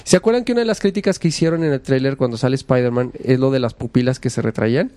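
A Mexican man hosting a casual podcast, chatting in an animated, slangy way and acting out quotes. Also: mid-range voice, fast, no echo. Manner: animated, slangy, acts out quotes in shifting voices. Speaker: podcast host. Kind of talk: casual chat.

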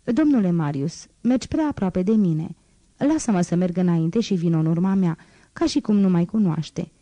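A teasing, wistful young street girl speaks in a soft, mellow voice, as a woman reads her part in an audiobook. The sound is close and dry, with no room around it. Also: on the low side, lively intonation, no echo, close to an everyday voice. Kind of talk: audiobook reading.

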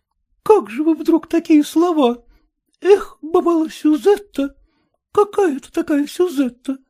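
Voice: high-pitched, a little slow, dark tone, pitched above the performer's own voice. A reader voicing a young bride who answers her husband in a haughty, sulky way.

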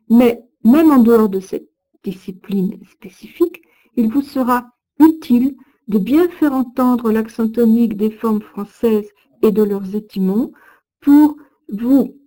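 Slow, careful French-accented woman teacher. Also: a little high, warm tone. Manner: slow, careful, deliberate diction. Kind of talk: reading a recorded lesson.

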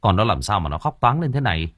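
A man voicing a gentle, hardworking young father who speaks softly and tenderly. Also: fairly low pitch, sing-song, quick pace, dry recording, studio quality. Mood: worried. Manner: soft, tender and worried.

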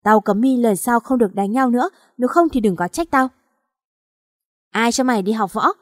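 A woman's voice: fairly high pitch, lively intonation, normal speed, no echo, studio quality, close to an everyday voice. A woman doing a harsh scolding father. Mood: furious. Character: stern angry father scolding his son.

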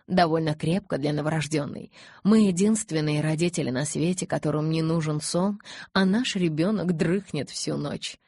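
A woman voicing a calm young vampire husband. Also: low-pitched, normal speed, breathy edge, no echo.

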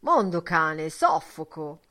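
A woman reading an audiobook, voicing a brash, mocking young man who talks loudly and theatrically. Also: low-pitched, sing-song, takes it slowly, heavily acted. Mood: boisterous, exclamatory. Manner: loud, theatrical, teasing.

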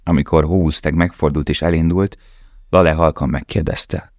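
A man reading a novel aloud in a calm, measured way. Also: a bass voice, no echo, clean studio sound. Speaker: audiobook narrator. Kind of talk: scripted narration.

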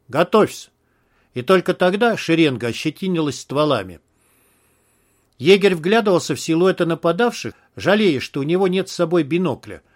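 Man narrating an audiobook, higher-pitched.

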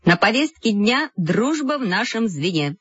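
A woman voicing an earnest boy who runs a class meeting in a stern, measured way, on a dull audiobook recording with faint music. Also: medium pitch, very animated, slightly rough, no echo, voice pushed up, exaggerated voice.

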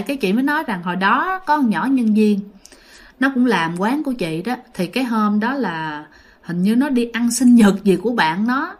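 A woman with a Southern Vietnamese accent casually telling a ghost story as host of her channel, rambling with fillers, her voice a little worn and sore. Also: fairly high pitch. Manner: chatty, rambling, with many fillers.

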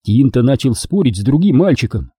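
A man narrating an audiobook in an even storytelling manner. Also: medium pitch, brisk, breathy edge, no room sound, studio quality.

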